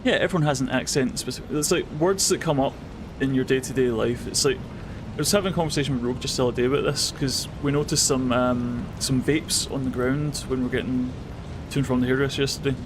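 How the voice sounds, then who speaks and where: A Scottish man streams a game and chats casually with viewers, swearing occasionally as he commentates. His voice is medium-pitched and steady, and he talks fast over a noisy background with game music behind him.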